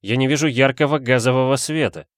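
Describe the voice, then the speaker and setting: A man's voice: medium pitch, fast, dry recording, clean studio sound, voice pushed up, lightly acted. A man doing a fawning gallant detective. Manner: florid, fawning, theatrical. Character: fawning flowery male police detective, shameless gallant. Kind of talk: audiobook character voice.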